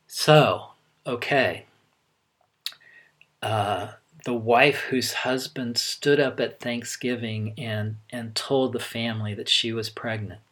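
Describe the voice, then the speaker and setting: A man's voice: medium pitch, fairly bright tone. Middle-aged man preaching conversationally. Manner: conversational, with frequent halting pauses. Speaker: pastor. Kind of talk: sermon.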